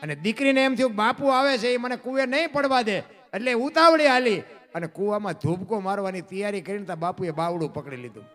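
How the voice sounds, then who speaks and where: High-voiced man telling a devotional folk tale. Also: expressive, a little fast, fairly bright tone. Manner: emotive storytelling that voices the characters in dialogue. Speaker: folk storyteller. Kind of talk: Gujarati dayro devotional storytelling. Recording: faint music behind the voice.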